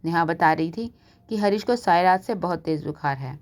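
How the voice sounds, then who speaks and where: A quick-tempered middle-aged wife with a sharp, scolding tongue, as a woman storyteller puts her on. A storybook reading. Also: lowish voice, close to an everyday voice. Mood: angry scolding.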